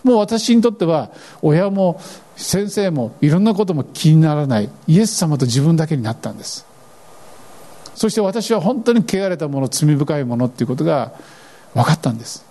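A man preaching a sermon as pastor, animated and expressive, acting out scripture lines as he goes. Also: on the high side, moderate pace.

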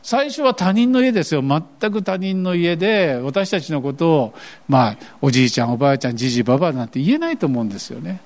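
Older man, pastor preaching a sermon, high voice, very animated delivery. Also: fast talker, few pauses. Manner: animated, acts out quoted voices, addresses the congregation with questions.

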